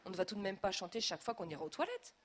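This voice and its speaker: A woman's voice: medium pitch, lively intonation, very fast, close to an everyday voice. A woman voicing a fussy middle-aged male headmaster who gets flustered. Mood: stiff. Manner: flustered, pleading.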